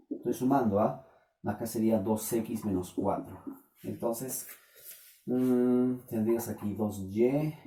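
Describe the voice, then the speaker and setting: A man's voice: fairly low pitch, mellow. A man with a Peruvian Spanish accent, teaching a math class and keeping on asking the students whether they follow. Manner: questioning, keeps checking with students. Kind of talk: classroom lecture. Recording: echoey room, voice from a distance.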